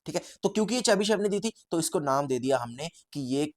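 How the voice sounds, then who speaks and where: Male teacher, storytelling lecture, lively, repeats himself, slightly higher voice. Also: fast talker. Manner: lively, repetitive, addresses viewers as bhaiya. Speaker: statistics teacher.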